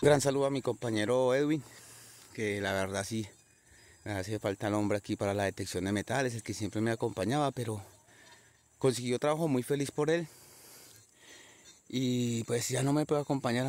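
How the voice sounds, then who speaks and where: A man's voice: mid-range voice, moderate pace, a little mellow. A man narrating a casual outdoor metal detecting vlog, chatty and constantly addressing his viewers as friends. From Colombia. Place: outdoors in nature.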